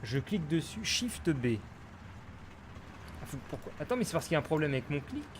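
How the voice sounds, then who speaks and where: Guy muttering and grumbling through a gameplay video, kinda high voice, faint hiss behind. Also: sing-song, a little fast. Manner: mutters to himself, grumbling and puzzled. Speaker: gamer streamer. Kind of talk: casual let's-play commentary.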